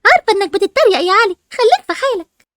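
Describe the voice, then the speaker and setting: A woman doing a chirpy, high Egyptian teen girl. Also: sing-song, racing, no echo, studio quality. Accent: Egyptian Arabic. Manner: chirpy, upbeat. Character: cheerful, cool-headed teen girl.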